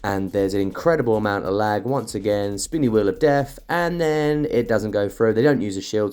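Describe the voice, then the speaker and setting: A man's voice: mid-range voice, darkish tone. A young man commentating on his own gameplay, explaining moves and ranting when the game annoys him. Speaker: gaming commentator.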